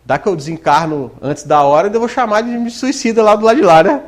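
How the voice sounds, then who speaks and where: A man's voice: sits high, fast talker. A man from Brazil giving a spiritist lecture in a conversational style, full of rhetorical questions and acted-out quotes. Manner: acts out quoted voices. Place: spiritist center hall.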